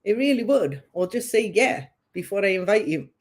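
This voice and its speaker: A woman's voice: mid-range voice, expressive, normal speed. Chatty northern English woman streaming live. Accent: northern English with a touch of Geordie. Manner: chatty and rambling, laughs often. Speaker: psychic medium hosting a live stream. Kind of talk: casual live-stream chat.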